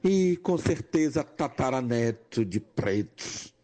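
An older man with a Pernambuco accent, a nurse and educator, giving a slow, measured personal testimony that rises in emphasis on key points. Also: mid-range voice, lively intonation, dark tone. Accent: Pernambuco Portuguese. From Brazil, Pernambuco.

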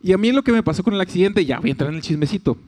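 Young Mexican man, casual storytelling, animated, chatty, fairly high pitch. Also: rapid-fire. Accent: Mexican Spanish. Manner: animated, chatty, fillers, laughs, quotes others.

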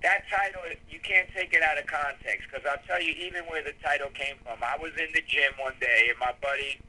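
A man's voice: fairly high pitch, brisk, sharp tone, rough recording. A man in his fifties, a guest author in casual podcast talk, swearing constantly, with stammered restarts. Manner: profane, emphatic, stammering restarts.

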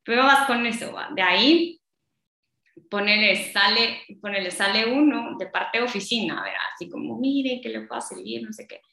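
Guatemalan woman just chatting, bright pushy voice, roomy echo, keeps going "va?". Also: mid-range voice, normal speed. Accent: Guatemalan Spanish. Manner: chatty, tags phrases with "¿va?" and laughs often. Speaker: podcast co-host. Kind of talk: casual chat.

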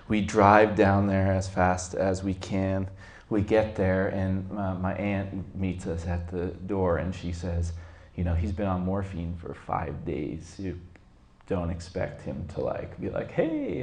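A man telling a reflective personal story to a group, halting, with many fillers. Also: sits low, darkish tone. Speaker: group participant sharing a story. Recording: roomy echo.

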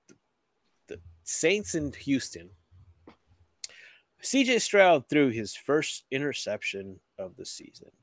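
A man's voice: fairly low pitch, dry recording. Guy on a football podcast, swears a lot, laughs a ton, keeps restarting, dry close mic. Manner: profane, laughs often, halting restarts. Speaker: podcast co-host. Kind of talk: casual sports chat.

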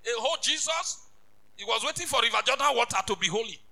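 Brief: bishop preaching, very high and sharp voice, emphatic, repeats himself, builds to shouts. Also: male voice, animated, fast, low-quality recording. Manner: emphatic, repetitive, rising to shouts. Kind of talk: sermon.

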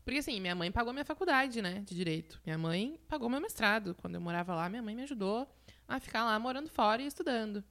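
A woman's voice: fairly high pitch, quick pace. A woman in her thirties with a southern Brazilian gaúcho accent, a guest telling her story in a casual chat. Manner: animated storytelling, acts out voices in her story. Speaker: guest, influencer.

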